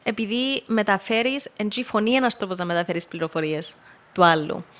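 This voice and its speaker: A young woman with a Cypriot Greek accent, a rally co-driver talking as a guest in a relaxed podcast chat, telling stories loosely with plenty of fillers. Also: medium pitch. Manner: chatty, loose storytelling with many fillers. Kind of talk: casual podcast conversation.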